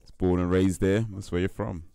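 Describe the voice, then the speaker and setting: Hosting a livestream, a young British man talks casually with his viewers, relaxed, laughing a lot, and full of fillers and repetition. He speaks at a moderate pace in a low, gravelly yet mellow and smooth voice with little pitch movement and no room sound.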